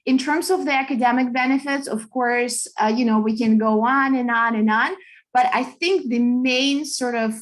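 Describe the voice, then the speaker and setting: A woman's voice: fairly high pitch, steady tone, moderate pace. A woman from Russia, a native Russian speaker, giving an upbeat, chatty online talk as a study abroad advisor over a video call. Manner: upbeat, chatty, many fillers. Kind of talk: online information session.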